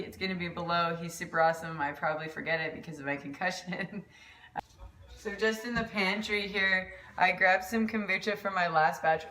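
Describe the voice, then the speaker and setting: A woman's voice: on the low side, a bit bright, distant mic. Chatty woman vlogger in an echoey room. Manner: rambling, chatty, laughs often. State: mild concussion. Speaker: volleyball coach vlogger. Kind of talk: casual vlog chat. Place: at home, kitchen pantry.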